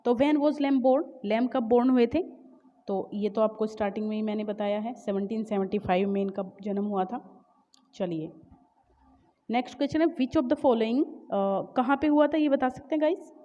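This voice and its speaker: A woman teacher with an Indian English accent, explaining exam questions in Hindi mixed with English, reading each question out slowly and often stopping to correct herself. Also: fairly high pitch, warm tone, in a large hall, muffled recording. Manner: many fillers and self-corrections. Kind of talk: exam-prep lecture.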